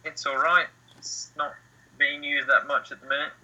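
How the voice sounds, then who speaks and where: A man joining a casual podcast over a video call, answering in a low-key, hesitant way. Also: level tone, moderate pace, sharp tone, low-quality recording. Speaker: podcast guest. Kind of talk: casual chat.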